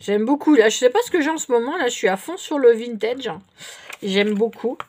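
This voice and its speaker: A middle-aged woman doing a casual show-and-tell haul of craft supplies, chatty and unhurried, often pausing to correct herself. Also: a little high, a little mellow. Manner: chatty and unhurried, many fillers and self-corrections. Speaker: vlogger showing craft purchases.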